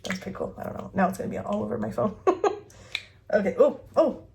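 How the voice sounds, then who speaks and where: Mom in her 30s doing a casual perfume review vlog at home, soft mellow voice, giggly, talks as she thinks. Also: mid-range voice, expressive, fast talker, vocal fry, a little hiss or hum. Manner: chatty, thinking aloud, giggly. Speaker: fragrance reviewer. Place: home bedroom with dresser.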